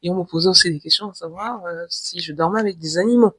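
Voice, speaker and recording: A woman from Cameroon, a guest author, telling her story in a relaxed interview, animated and repeating words as she searches for them. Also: lowish voice, fast talker, husky, no echo. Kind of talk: casual conversational interview.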